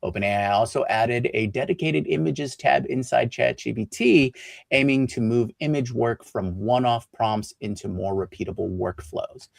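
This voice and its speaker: A man's voice: medium pitch, moderate pace, vocal fry, no room sound. A male co-host reading a tech news item, slipping in and out of an announcer voice. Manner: slips in and out of an announcer voice. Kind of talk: news segment.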